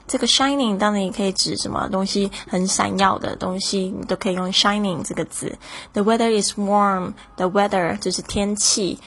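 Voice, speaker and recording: Husky woman explaining English lessons. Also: medium pitch, a bit bright. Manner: explanatory, repeats words slowly with fillers. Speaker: English teacher.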